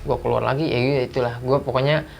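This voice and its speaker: A man's voice: mid-range voice, fast, vocal fry, a little hiss or hum. Slangy man telling a ghost story. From Jakarta. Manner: animated retelling with acted dialogue, slangy. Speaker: guest storyteller.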